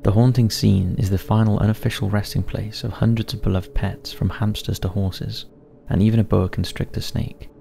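A man's voice: lowish voice, level tone, moderate pace, gravelly, few pauses, warm tone, faint music behind. A man narrating a scripted countdown of eerie forest stories in a somber storytelling manner.

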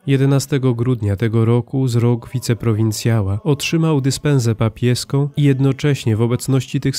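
A man reading a scripted account of a saint's life in an even, solemn manner, closing with a prayer. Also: mid-range voice. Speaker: narrator.

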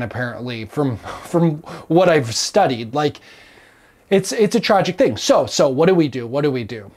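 A man's voice: on the high side, darkish tone. Earnest man preaching to camera. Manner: earnest, emphatic, gesturing widely. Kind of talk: impassioned teaching to camera. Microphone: lapel mic.

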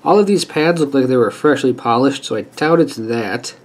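He speaks at normal speed with a mid-range voice, his nose clearly congested from a sinus infection. The repair channel host stays casual and chatty at his indoor workbench, musing aloud while working on a hands-on repair.

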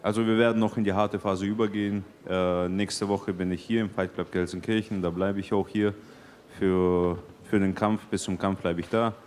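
A man's voice: sits low, steady tone, normal speed, a little mellow. A man in his thirties, a fighter giving short, confident interview answers into a handheld mic. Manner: terse, confident. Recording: hall reverb with faint background noise.

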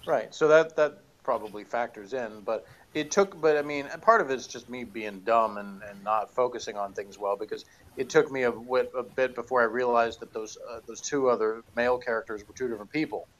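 A man with a medium-pitched, slightly bright voice talks a little fast on a low-quality recording. He co-hosts a show, chatting casually at his home desk in a bookshelf-lined room while wearing headphones before a desk camera, reviewing an audio drama in a rambling, self-deprecating way full of restarts.

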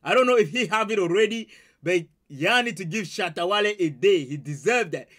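A man's voice: high-pitched, lively intonation, fairly quick, a bit bright. A man in his thirties hosting a reaction video, laughing and talking straight to his viewers from a small home studio on a headset mic. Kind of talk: excited reaction commentary. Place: small home studio with purple lights, indoors.

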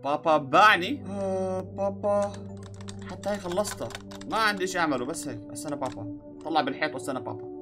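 A man's voice: high voice, quick pace, over music. A young man doing playful, dramatic let's play commentary and joking about being scared. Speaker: gaming YouTuber.

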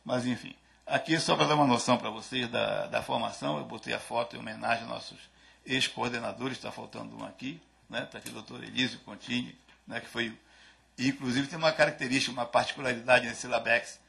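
Gravelly, bright-voiced man giving a talk. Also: medium pitch, steady tone, quick pace. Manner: hesitant, many restarts and fillers. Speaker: speaker at a conference. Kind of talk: conference talk. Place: lecture hall, at a lectern. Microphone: podium microphone on a stand.

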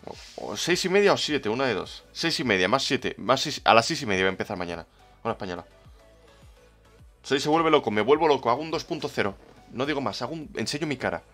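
A man's voice: medium pitch, fairly bright tone. A man with a Spain Spanish accent streaming a game, chatting casually and greeting viewers from the chat by name. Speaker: livestreamer. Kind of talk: casual livestream chat, reading the chat.

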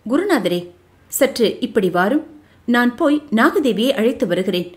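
A woman's voice: a little high, expressive, measured pace. A woman voicing a stern, menacing young male army commander in an audio novel, speaking with a cold threatening tone. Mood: commanding.

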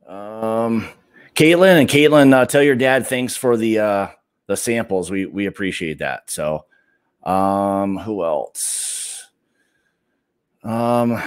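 A middle-aged man hosting a casual livestream from a home bar, talking in a relaxed, rambling way with lots of fillers. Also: mid-range voice. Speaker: livestream host. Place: home bar room lined with bottles.

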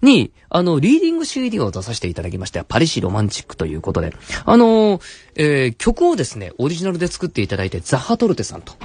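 A man's voice: on the high side, wildly swooping pitch, rapid-fire, darkish tone, slightly rough, no room sound. A man hosting a live late-night radio show in a studio, talking chattily with many fillers and self-corrections. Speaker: radio host. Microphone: studio microphone.

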